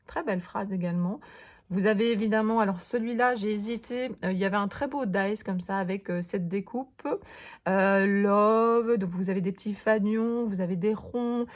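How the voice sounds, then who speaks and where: A crafting vlogger with a medium-pitched voice chats enthusiastically at a moderate pace through a scrapbooking haul. It's a casual show-and-tell video, full of fillers and small restarts.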